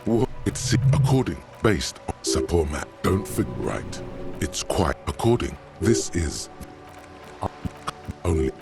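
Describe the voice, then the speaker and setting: A man's voice: low-pitched, sing-song, slow, vocal fry, over loud music. A man reading a video game's narration aloud, stumbling and restarting as he goes. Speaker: player reading game text aloud.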